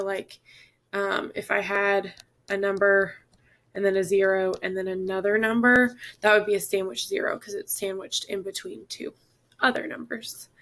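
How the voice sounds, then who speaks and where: A woman with a hoarse voice teaches a chemistry class. She explains each step patiently and methodically, tying the steps together with a steady "all right" and "okay". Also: mid-range voice. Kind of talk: classroom lesson.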